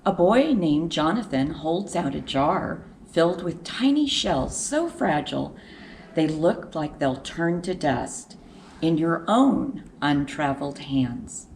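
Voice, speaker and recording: A woman reading a children's picture book aloud in a measured, expressive storytelling manner with deliberate pauses. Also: low voice, vocal fry, slight background noise.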